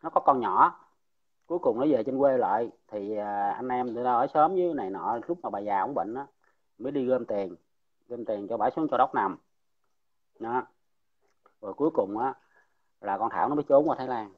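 A man's voice: medium pitch, animated, normal speed, long pauses, narrow, tinny audio. A man from An Giang with a Mekong Delta Southern Vietnamese accent, telling local gossip in a blunt, rambling casual chat and chuckling along the way. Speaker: local storyteller.

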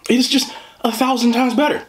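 A man's voice: very high voice, fairly even intonation, fairly quick, noisy background. A young man doing a mukbang eating chat, joking in slang and talking while he chews. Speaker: food reviewer.

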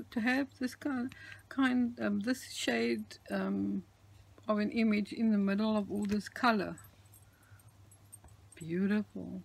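Slow, gravelly-voiced woman gushing over crafts. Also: medium pitch. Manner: gushing, admiring, drops into whispers. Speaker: craft vlogger. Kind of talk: show-and-tell craft video.

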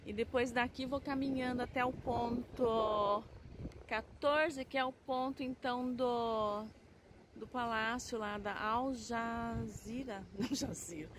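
A woman's voice: on the high side, fairly even intonation, slow. A middle-aged Brazilian woman with a Brazilian Portuguese accent, chatting enthusiastically to her viewers in a casual travel vlog. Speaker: travel vlogger. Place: outdoors on city streets. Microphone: handheld camera at arm's length. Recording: street traffic noise behind.

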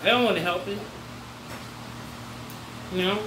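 A woman talking casually to her viewers while chewing food. She speaks slowly and repeats phrases for emphasis. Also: medium pitch. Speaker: mukbang YouTuber host. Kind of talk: casual thank-you chat to viewers. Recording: echoey room, distant mic, air-conditioning hum.

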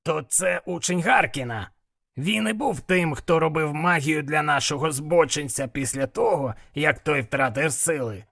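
A man's voice: on the high side, measured pace, gravelly, fairly bright tone, no room sound, studio quality, voice pushed up, full character voice. A man voicing a sneaky, suspicious male demon who hisses spitefully, in an audiobook. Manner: hissing, spiteful.

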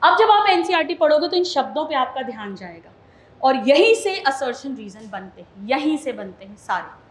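A woman's voice: high voice, very animated, moderate pace, roomy sound. A woman teacher explaining a study method step by step to students, asking whether they follow along. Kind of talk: classroom lesson. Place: classroom.

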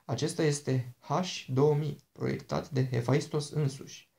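A man's voice: a little high, fairly even intonation, gravelly, a little mellow. A man voicing an ancient princess, a charming and dangerous woman who talks in a sweet, persuasive, coaxing way.

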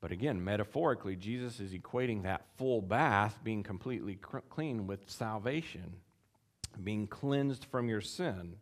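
A man preaching a sermon, acting out the quotes in his text with big jumps in voice and chuckling between points. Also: normal speed. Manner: animated, acts out quotes with big pitch jumps. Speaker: pastor.

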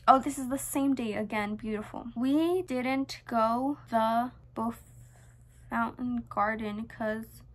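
A young woman reading her childhood diary aloud in an embarrassed, amused, self-mocking manner, with casual asides. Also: on the high side. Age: young adult. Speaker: vlogger. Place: small bedroom, indoors.

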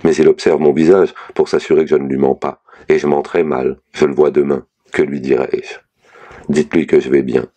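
A frank, matter-of-fact lawyer, read by a man with an extremely deep voice and a dark, mellow tone. He lays out bad news in measured, level sentences, in a storybook reading. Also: little pitch movement. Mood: reassuring. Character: lawyer, middle-aged man, blunt and candid.

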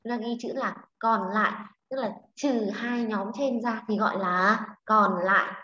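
A woman's voice: medium pitch, steady tone, measured pace, bright, forceful tone. A woman teacher explaining a lesson patiently, step by step, and checking often that the class understands. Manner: checks understanding with frequent tag questions. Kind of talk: online English lesson for a class. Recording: roomy, slightly dull sound.

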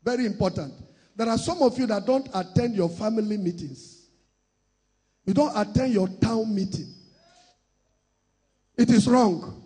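Nigerian pastor, high raspy voice, shouts then drops quiet; sermon in a reverberant church hall. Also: male voice, measured pace, pauses often. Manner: shouting preacher, swings from loud declarations to soft asides.

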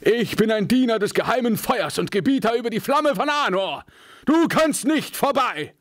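A man voicing an old male wizard, weary but steadfast, who goes from low murmurs to ringing commands. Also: animated, moderate pace, no room sound. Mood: commanding.

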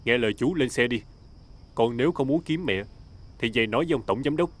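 A man's voice: medium pitch, animated, a little fast, close to an everyday voice. An actor playing a stern man who firmly urges a runaway boy to come home. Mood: insistent. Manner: firm, urging. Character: stern middle-aged man sent to bring a boy home. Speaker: family's driver or helper. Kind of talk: TV drama acting.

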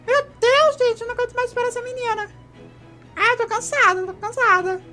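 Woman doing a shrill, brash tipsy party reporter. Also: steady tone, rapid-fire, a bit bright. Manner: shrill, rude, theatrical, whiny. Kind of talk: comedy skit role-play. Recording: music playing behind.

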